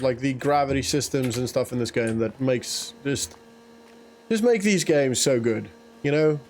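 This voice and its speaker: Chuckling and rambling to himself, a male native Afrikaans speaker plays a farming game and offers casual let's-play commentary as a gaming YouTuber. His voice is fairly high with a darkish tone, and a little hiss or hum can be heard.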